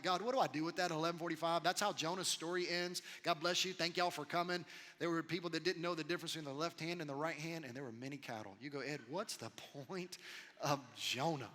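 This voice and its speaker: A man preaching in a large church hall, his bright, forceful voice sitting a little high and ringing out with a long echo. He talks to the congregation casually, then suddenly cries out loud. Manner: animated, conversational preaching with sudden loud bursts. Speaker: pastor. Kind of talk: sermon.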